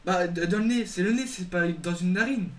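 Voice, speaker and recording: A man's voice: high voice, brisk, a little hiss or hum. A man with a southern French accent hosting a casual gaming chat, stammering and repeating his words. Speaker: gaming channel host.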